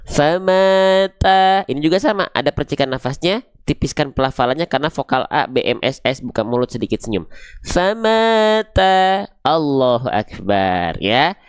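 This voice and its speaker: A man teaching Quran recitation, patiently repeating and drilling syllables slowly. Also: medium pitch, no room sound, clean studio sound. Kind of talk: online pronunciation lesson.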